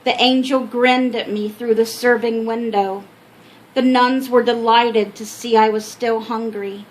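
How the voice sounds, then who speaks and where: An older woman with an American accent reading her own memoir aloud as an expressive storyteller. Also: fairly high pitch, low-quality recording. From Minnesota, United States. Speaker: author telling her life story. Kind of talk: scripted memoir narration.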